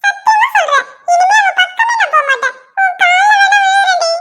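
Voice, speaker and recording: A woman's voice: very high-pitched, lively intonation, fairly quick, loud music behind the voice. A woman voicing a henpecked male lizard who coaxes and pleads with his wife in a cartoon. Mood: pleading. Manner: pleading, coaxing. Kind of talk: cartoon voice acting.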